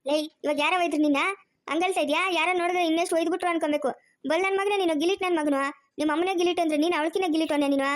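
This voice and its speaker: A woman's voice: very high voice, steady tone, very fast. A woman voicing a harsh, scheming middle-aged village aunt in a cartoon, barking orders. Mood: scolding. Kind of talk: cartoon dubbing.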